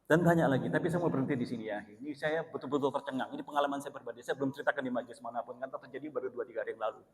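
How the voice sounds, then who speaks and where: A man with an East Javanese Indonesian accent preaching in a mosque, telling a personal story in a lively way, swinging from loud exclamations to soft asides. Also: mid-range voice, rapid-fire. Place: mosque hall. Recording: long reverb of a mosque hall.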